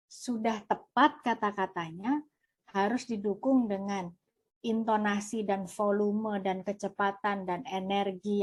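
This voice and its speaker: A woman teaching a workshop, lively, asking and answering her own questions. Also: mid-range voice. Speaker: trainer. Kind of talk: online workshop lesson.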